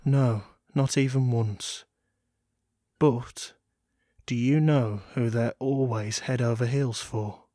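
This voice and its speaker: A man's voice: mid-range voice, fairly even intonation, slow, warm tone, dry recording, clean studio sound, natural voice. A man playing a wealthy, self-controlled yandere lover, jealous yet restrained, speaking formally in a dramatic audio role-play. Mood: bitter hurt. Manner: yandere, composed, formal, wounded devotion.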